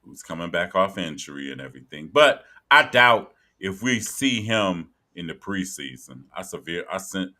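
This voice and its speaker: Bright-voiced man talking sports. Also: deep voice, sing-song, normal speed, few pauses. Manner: conversational, reads from an article, repeats phrases for emphasis. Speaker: sports podcast host. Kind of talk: casual sports talk.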